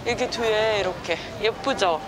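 A woman's voice: mid-range voice, rapid-fire, poor audio. A young woman vlogger chatting to her viewers through a face mask, bubbly and full of exclamations. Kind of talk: casual vlog chat. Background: background music.

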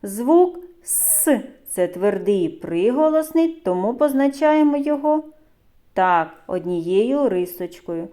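A preschool teacher with a Ukrainian accent leads young children through a phonics lesson, her voice slow, clear and sing-song. She speaks at a medium pitch, expressive and warm.

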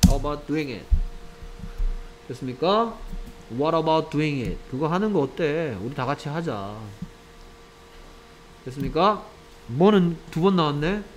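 A man's voice: on the high side, animated, slight background noise, rough recording. A man teaching a grammar lesson in a classroom, repeating each phrase in two languages and often checking that the class understands. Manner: keeps checking understanding with quick questions; repeats each phrase in English then Korean. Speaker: English teacher.

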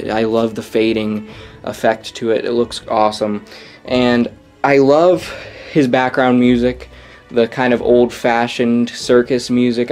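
A man's voice: mid-range voice, a little mellow, smooth. A young man casually reviewing a Halloween prop in his bedroom, enthusiastic and rambling, correcting himself as he goes.

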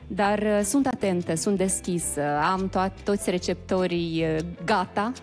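A woman poet from Moldova speaks slowly and thoughtfully as a TV guest, soft-spoken and reflective. Her pitch is ordinary and middle. Faint music sits behind her. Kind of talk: thoughtful interview answers.

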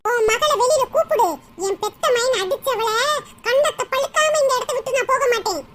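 A blunt, bossy village woman from a cartoon comedy, with a very high, squeaky voice. She mocks and scolds without letting up. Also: normal speed, fairly bright tone. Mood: demanding.

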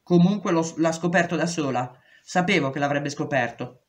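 A woman's voice: low voice, moderate pace, lightly acted. A woman reading aloud, voicing a dismissive male prison doctor with curt, evasive replies. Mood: cold. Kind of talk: audiobook reading.

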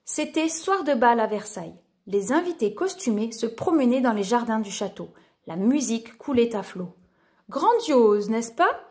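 A woman narrating a storybook for young children, gentle and expressive. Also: on the high side, moderate pace.

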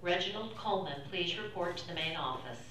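A woman making a formal, measured school office announcement heard over a PA loudspeaker. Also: lowish voice, animated, a little hiss or hum. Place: school classroom. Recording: echoey loudspeaker heard from far off.

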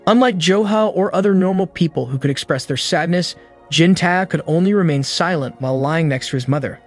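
Man, movie recap narrator, fairly high voice, steady scripted voice-over, soft music underneath. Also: a little fast. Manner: steady storytelling recap delivery.

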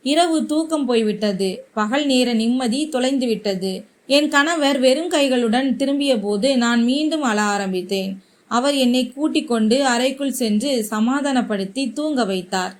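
High-voiced woman narrating a grieving story. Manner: grieving, earnest retelling. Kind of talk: first-person story narration.

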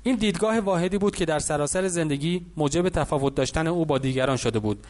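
Guy reading an audiobook, steady, slightly high voice, does the dialogue lightly. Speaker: audiobook narrator.

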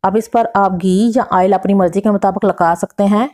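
A woman narrates a home cooking recipe in a voice-over. She walks through each step in order and names exact quantities as she goes. Her pitch sits in a middle range. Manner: steady step-by-step instructions with measured quantities. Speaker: cooking channel host.

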